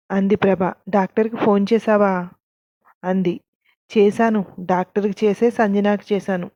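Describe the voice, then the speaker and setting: A woman narrating a scripted story, reading every character's lines in the same even narrating voice. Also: medium pitch, no echo, highs cut off.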